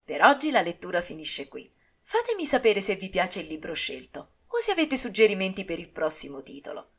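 A woman narrates an audiobook in a calm, steady voice. She reads at an even pace with clear phrasing and closes by speaking to her listeners. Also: medium pitch, a little fast.

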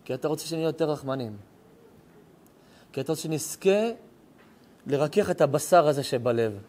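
Middle-aged rabbi giving an emotional sermon, slightly high voice, faint hiss behind him. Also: male voice, a little mellow. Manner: storytelling, voice rising and cracking with emotion. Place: synagogue or home lecture hall.

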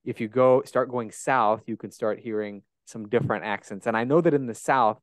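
Speaking at a moderate pace in a mid-range voice, a Great Plains American man in his thirties hosts a laid-back podcast interview, full of curious questions and restarts. He uses a close-up handheld dynamic mic in a bright room at home, and the recording is dry.

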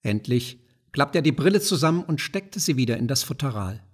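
A man narrating a classic novella as an audiobook reader, in a measured, even storytelling manner. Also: mid-range voice, slightly rough.

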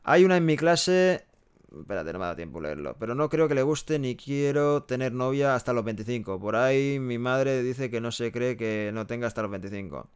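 A man's voice: medium pitch, lively intonation, normal speed, clean tone. A young man from Barcelona, live-streaming from a small room with a headset mic, reading chat messages aloud and answering them frankly. He speaks casually and keeps tagging his sentences with little questions. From Barcelona, Spain. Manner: chatty, frank, tags sentences with "¿eh?" and "¿no?". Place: small room with a pale green wall, indoors. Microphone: headset microphone.

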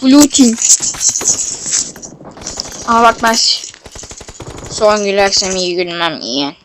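A woman giving casual commentary while playing a mobile shooter game, excitable with loud outbursts and playful swearing, on a phone mic. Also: medium pitch, slow, a little hiss or hum.

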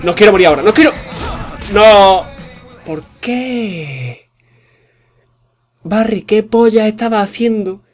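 A man commentating a video game, excitable, swearing and joking to his viewers. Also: sits high, unhurried, long pauses, faint music behind. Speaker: gaming commentator. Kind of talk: let's play commentary.

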